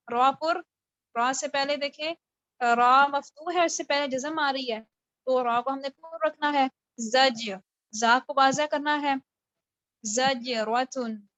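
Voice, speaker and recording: A woman teaching a tajweed lesson on a video call. She explains patiently and recites words slowly and drawn out. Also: high voice, a bit bright, no echo. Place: home, online video call. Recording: dull, dry call recording.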